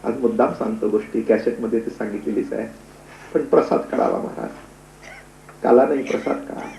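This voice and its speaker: A man preaching a devotional storytelling sermon, dramatic, swinging between hushed and loud. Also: on the low side, brisk, vocal fry, roomy sound, slight background noise, low-quality recording. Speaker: kirtan preacher.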